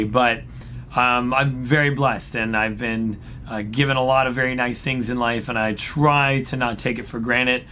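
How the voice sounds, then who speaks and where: A man speaking as an upbeat, folksy cruise director, casually answering questions in a laid-back chat. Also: sharp tone. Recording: clear background noise with low rumble.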